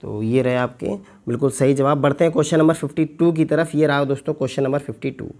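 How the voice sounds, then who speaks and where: A male teacher working through an exam paper, repeating words slowly to spell them out and asking his viewers questions. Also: medium pitch, steady tone, a little mellow. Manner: slow, stretched repetition of words to spell them out; addresses viewers as friends, asks them questions. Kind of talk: exam paper walkthrough lesson.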